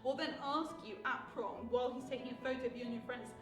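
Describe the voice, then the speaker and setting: Chatty woman telling a story, high voice. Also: fast talker, echoey room, recorded from a distance, over music, rough recording. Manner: chatty storyteller, lively and laughing. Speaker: co-host of a couple's channel. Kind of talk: casual chat.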